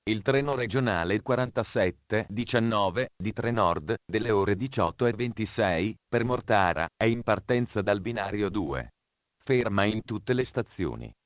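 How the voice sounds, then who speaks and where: A man reading scripted train station announcements in a formal, measured way. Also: on the low side, animated, no echo, studio quality.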